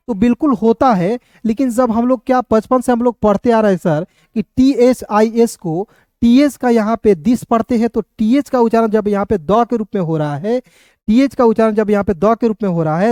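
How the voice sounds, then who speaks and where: A man's voice: high voice, warm tone, no echo. A male teacher giving an online phonics lesson, spelling words out letter by letter, asking the viewers questions and answering them himself. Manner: addresses viewers as friends, asks and answers own questions.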